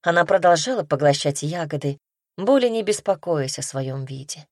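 A woman reading fantasy prose as an audiobook narrator, in an even storytelling manner. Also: low-pitched, normal speed, dry recording, clean studio sound. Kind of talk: scripted narration.

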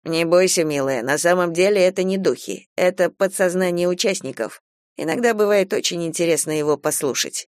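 A woman reading aloud voices a calm young man who talks in a slow, reassuring way. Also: fairly low pitch, no echo, clean studio sound, natural voice.

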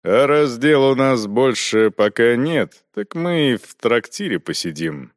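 A man voicing a worldly old monk inquisitor who talks in an unhurried, dismissive way. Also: medium pitch, animated, dry recording, clean studio sound. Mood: lazy, dismissive.

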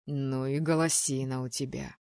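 A woman doing a wry young high mage. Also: normal speed, darkish tone, no echo, studio quality, lightly acted. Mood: admiring. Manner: ironic. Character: young male high mage, ironic and flustered. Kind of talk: audiobook narration.

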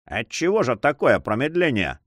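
Guy reading sarcastic young don, mocking, bouncy pitch. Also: huge pitch swings, normal speed, a bit bright, dry recording, studio quality. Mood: ironic. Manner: ironic, bitter. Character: young nobleman, quietly mocking.

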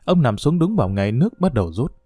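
A man narrating a somber story in a solemn, expressive audiobook reading. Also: mid-range voice, fast talker, dry recording, studio quality. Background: soft guitar music.

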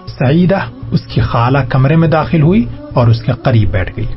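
A man narrating a historical novel in an audiobook with a steady, formal reading. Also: medium pitch. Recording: dull lo-fi audio, faint music.

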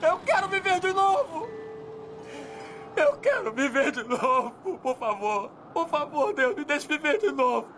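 A man dubbing a desperate family man in a film, shouting and pleading. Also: extremely high pitch, unhurried, long pauses, slight background noise. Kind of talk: dubbed film acting. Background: film score.

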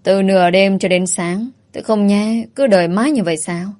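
A woman voicing a hot-headed, impatient eldest son who speaks quickly. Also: medium pitch, darkish tone, no echo, lightly acted.

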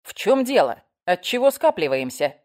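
Audiobook: female reader doing a barking, impatient police sergeant, loud and clipped. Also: lowish voice, big pitch swings, normal speed.

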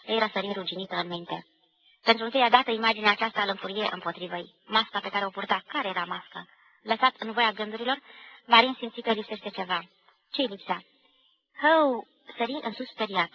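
Brief: woman narrator, crisp bright tone, steady literary reading; 1990 radio tape, muffled. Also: mid-range voice, a little hiss or hum. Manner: measured, expressive reading. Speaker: reader. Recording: dull lo-fi 1990 radio archive recording.

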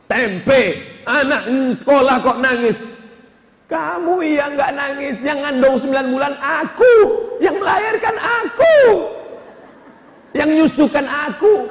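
A male preacher voicing a boastful middle-aged mother who scolds her husband in a high, whiny, shouting voice. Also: creaky, heavily acted. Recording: echoey hall with long reverb.

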